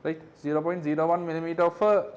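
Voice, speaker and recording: A physics tutor with a high, light voice goes over exam questions out loud. He works through each figure step by step. He keeps checking that his class follows with quick tag questions. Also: little pitch movement, muffled recording. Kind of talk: exam question review lesson.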